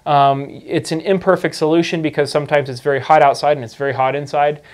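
A man's voice: a little high, fairly even intonation, quick pace. A man in his thirties explaining a farming topic to camera in a studio, talking conversationally with frequent fillers and restarts on a lapel mic. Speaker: indoor farming educator.

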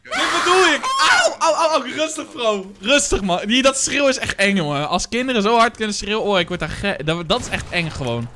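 A young Dutch man reacting to gaming clips, with loud excited bursts and laughter, mixing in English slang. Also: high voice, fairly quick, few pauses, background noise. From Netherlands. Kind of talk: casual reaction commentary.

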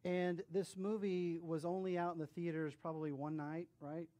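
A male pastor preaching and telling a story, animated, with hushed drops at solemn moments. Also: fairly high pitch, moderate pace. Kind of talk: sermon storytelling.

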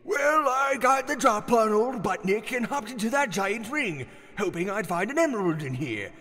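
A man voicing a weary, bitter old male hedgehog with a long gray beard in a fan audio drama, speaking in a drawn-out, tired way that slips into pleading. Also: high-pitched, expressive, pushed and bright, long reverb tail, soft background music, heavily acted.

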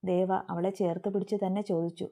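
A woman with a Malayali accent narrating a family drama story, reading all parts in one steady voice. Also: fairly low pitch, fast talker.

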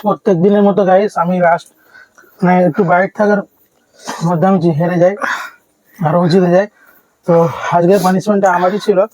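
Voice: mid-range voice, little pitch movement, fast talker, pauses often, darkish tone, low-quality recording. A vlogger chatting casually to viewers during an eating challenge video. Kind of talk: casual vlog chat.

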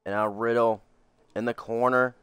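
A man calling play-by-play like a wrestling commentator, with dramatic, excitable calls and casual asides. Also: mid-range voice, moderate pace, smooth, no echo. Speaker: video game player commentating on a wrestling match.

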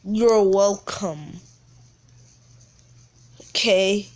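Very slow-talking woman streamer. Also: medium pitch. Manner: slangy, exclaiming, bursts into gasps and squeals. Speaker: game streamer. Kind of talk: casual gameplay commentary.

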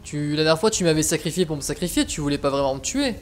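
A man's voice: fairly high pitch, sing-song, fast, faint music behind. Exasperated man doing casual gaming commentary. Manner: exasperated, sweary. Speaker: let's player. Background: game ambience.

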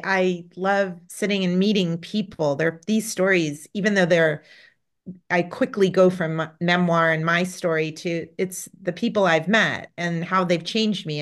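Middle-aged woman, lowish voice, vet guest in a chatty interview, storytelling with many restarts. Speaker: veterinarian and author, interview guest. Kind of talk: casual interview conversation.

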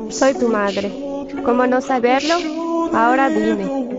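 A woman acts out a sweet false mother luring a child in a horror story. Her voice is fairly high and coaxing, recorded dully under loud music. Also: slow. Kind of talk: amateur horror fan story acting. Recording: muffled, narrow sound under loud music.

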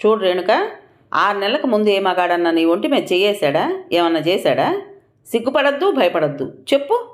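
A woman's voice: mid-range voice, very animated, moderate pace, lightly acted. A woman voicing a firm middle-aged woman doctor who explains plainly and sternly.

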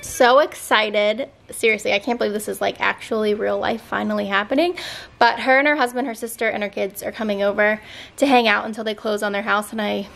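A woman's voice: mid-range voice, steady tone, fairly quick, vocal fry, fairly bright tone. A young woman, a stay-at-home mom, chatting casually to camera at home in a bubbly way, with lots of fillers. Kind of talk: casual vlog chat to camera. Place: family home.

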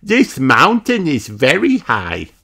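A man's voice: mid-range voice, wildly swooping pitch, slow pace, gravelly, sharp tone, voice pushed up, heavily acted. A man voicing a cheerful, eager little girl pig for a children's storybook. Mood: bright, eager.

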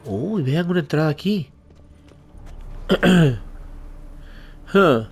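A man's voice: on the high side, expressive, drawn-out words, breathy edge. A man, casually commenting as he plays a game, yelping and swearing when startled. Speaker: let's play host.

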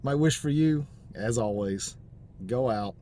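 A man's voice: mid-range voice, unhurried, dark tone, slight background noise. A man in his forties giving a motivational talk to a camera inside a car, upbeat and full of fillers. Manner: upbeat, pep-talk delivery with frequent fillers. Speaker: vlogger. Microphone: camera mounted on the dashboard.

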